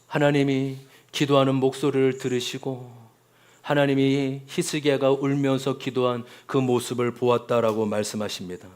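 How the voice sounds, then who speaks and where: A man's voice: mid-range voice, flat delivery, moderate pace, a little mellow. A man preaching a Sunday sermon as pastor, often calling out to the congregation and acting out quoted voices.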